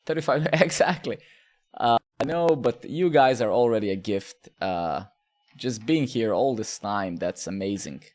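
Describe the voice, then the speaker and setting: A man's voice: fairly low pitch, expressive, unhurried, darkish tone. A man in his thirties from Serbia, chatting casually with viewers while live coding, rambling with fillers, swearing and asking "right?". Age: 30s.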